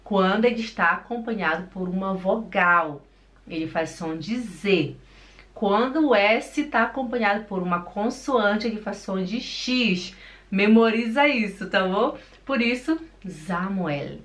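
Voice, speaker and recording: A woman teaches German online, speaking slowly and patiently. She repeats each word so learners can follow. Her pitch sits in an ordinary middle range. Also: fairly bright tone. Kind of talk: online language lesson. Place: home in Switzerland.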